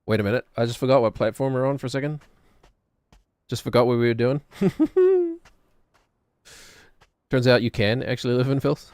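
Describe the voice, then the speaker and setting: A man's voice: medium pitch, big pitch swings, normal speed, long pauses, a little mellow, dry recording. A middle-aged man giving casual, rambling game commentary in a wry, musing manner, often talking to himself. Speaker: gaming streamer.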